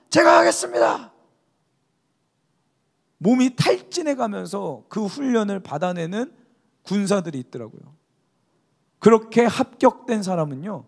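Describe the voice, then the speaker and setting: A man's voice: sits high, darkish tone. A male pastor preaching a youth service sermon, exhorting the congregation and calling for amens. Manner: exhorting, calls for amen.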